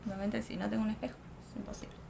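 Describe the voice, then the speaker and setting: A young adult woman, a makeup vlogger, chats casually and thinks aloud during a makeup tutorial at home, sitting close to a lamp. Her medium-pitched voice is level, creaky, and very fast. Heavy background noise fills the recording.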